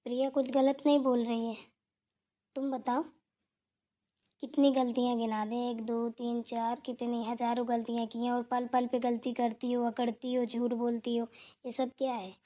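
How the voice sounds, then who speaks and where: A stern elder sister-in-law from a cartoon household, as a woman voices her. She scolds firmly and evenly, counting off faults. Her voice stays fairly high but controlled. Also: level tone, normal speed, warm tone, natural voice. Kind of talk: cartoon voice acting.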